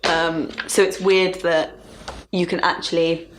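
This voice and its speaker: A woman's voice: fairly low pitch, level tone, a little slow, slight background noise, poor audio. A young woman co-hosting a casual chat, talking in a musing, hesitant way. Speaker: podcast co-host.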